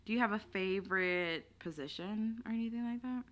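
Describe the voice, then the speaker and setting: A young woman co-hosts a podcast in casual chat, candid and giggling often, drawing out her phrases. Her voice is mid-range with a fairly bright tone.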